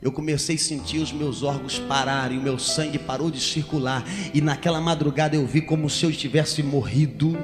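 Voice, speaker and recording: A man preaching a Pentecostal sermon with a Brazilian Portuguese accent, building to shouted, chanting passages and speaking in tongues. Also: on the high side, fairly even intonation, brisk, few pauses. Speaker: pastor. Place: church. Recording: long church reverb with music.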